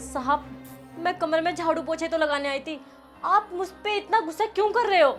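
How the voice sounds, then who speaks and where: A woman's voice: very high-pitched, moderate pace, faint music behind. A woman playing a humble housemaid who defends herself in a meek, pleading way. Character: humble young female housemaid, hurt but firm. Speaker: maid. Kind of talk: short film acting.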